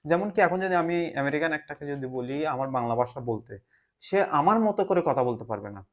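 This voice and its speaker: A man from Bangladesh with a Bangladeshi Bengali accent talks casually to the camera in a reflective way, often pausing to search for words. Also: on the high side, animated. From Chittagong, Bangladesh. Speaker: vlogger. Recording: slightly dull lo-fi sound.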